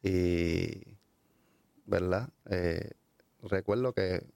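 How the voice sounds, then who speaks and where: A Puerto Rican man with a low, gravelly, slightly mellow voice and a Puerto Rican Spanish accent gives a testimony as a guest, telling his story hesitantly in conversation. He speaks haltingly, full of fillers and restarts, with no room sound.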